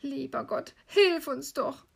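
A woman doing a high, plaintive little girl. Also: a little fast, bright, forceful tone. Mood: despairing. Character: frightened little girl, later overjoyed.

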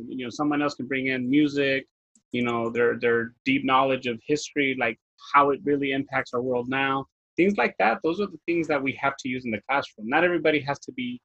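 A man speaking in a slightly husky voice as an interview guest, earnest and reflective about teaching. The sound is dry and muffled, like a remote call. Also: medium pitch, sharp tone, no echo. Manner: earnest, reflective, with filler-heavy restarts. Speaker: guest educator. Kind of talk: casual interview.

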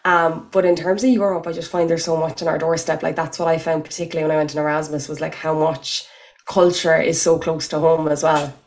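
A woman's voice: low voice, level tone, fairly quick, darkish tone. A young woman with an Irish accent hosting a podcast in a casual, colloquial way, peppering her talk with "like". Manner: colloquial, heavy use of "like". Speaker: podcast host. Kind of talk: casual chat.

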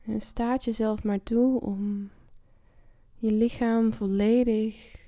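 A woman leading a guided relaxation meditation, speaking softly and soothingly with long pauses and drifting into whispers. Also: on the high side, flat delivery, no echo, clean studio sound.

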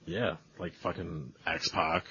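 A man's voice: low-pitched, steady tone, slow pace, bright, forceful tone, slightly rough. A man co-hosting a podcast in laid-back casual chat, often briefly agreeing. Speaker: podcast co-host. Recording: slightly dull, lo-fi sound.

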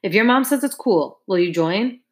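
A woman's voice: medium pitch, expressive, moderate pace, pitched above the performer's own voice, close to an everyday voice. A woman voicing a brash, pushy male track coach in an audiobook, firing off persuasive questions. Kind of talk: audiobook character voice.

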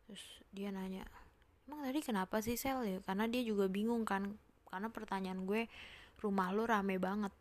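A woman's voice: medium pitch, normal speed, no echo. Young woman telling a spooky story. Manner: drops to hushed whispers for suspense, speeds up when excited. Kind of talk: casual spoken horror story.

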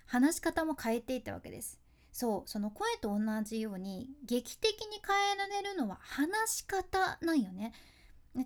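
A woman's voice: high-pitched, darkish tone. A woman with a Fukuoka dialect, a freelance announcer giving a casual podcast lesson on speaking, chatty and often laughing. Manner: chatty, laughs often, acts out example phrases.

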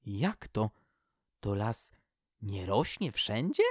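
A man voicing a chatty, practical old female birch tree in a storybook, high and exclaiming. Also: big pitch swings, takes it slowly, slightly rough, dry recording, studio quality, heavily acted. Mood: incredulous. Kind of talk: storybook character voice.

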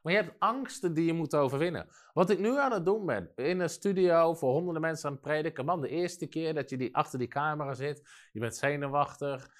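A man with a slightly high voice and brisk delivery gives a sermon from a studio. His storytelling is lively, and he performs the voices of the characters he quotes.

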